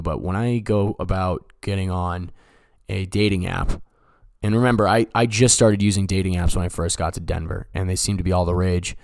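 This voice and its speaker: A man with a fairly low voice hosts a casual solo comedy podcast, recorded in clean studio quality with no echo. Like a stand-up, he rambles, swears, cracks jokes and keeps interrupting himself.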